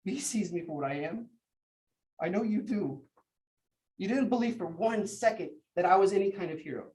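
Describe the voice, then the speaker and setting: Bitter and guilty, a shaken young man stammers through the retelling of a violent fight, played by an actor in a stage play. The actor's voice is high and expressive with a darkish tone, at a moderate pace. It's picked up from a distance in a roomy space.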